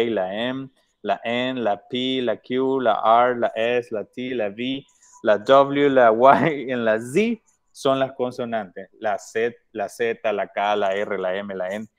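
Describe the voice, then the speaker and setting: Male teacher for a kids' English lesson, patient and repetitive. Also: mid-range voice. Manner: patient, repeats words often. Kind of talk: online class instruction.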